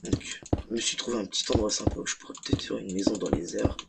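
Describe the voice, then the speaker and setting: A young man hosts a gaming video with casual, unscripted let's play commentary that's hesitant and rambling, his fairly low voice fast and creaky. He uses a noisy gaming headset mic that picks up keyboard typing and clicks.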